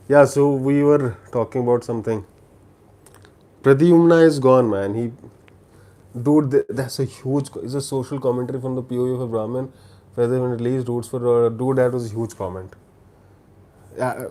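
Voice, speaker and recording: In a dark, mid-range voice at normal speed, an Indian man with a Telugu accent talks casually about movies worth watching on his livestream. He pauses often, repeats words, and restarts his sentences.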